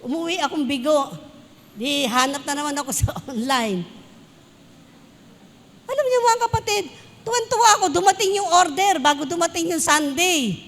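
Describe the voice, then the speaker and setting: High-voiced Filipino woman preaching in a hall. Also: animated, normal speed, pauses often, slight background noise. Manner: mixes Tagalog and English, tells anecdotes with laughs. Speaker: pastor. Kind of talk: sermon. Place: church. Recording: long hall reverb.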